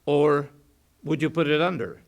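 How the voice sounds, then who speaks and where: A man's voice: fairly high pitch, fairly even intonation, moderate pace, gravelly. A man, a pastor, teaching a Bible study in a church, explaining points and asking the class rhetorical questions.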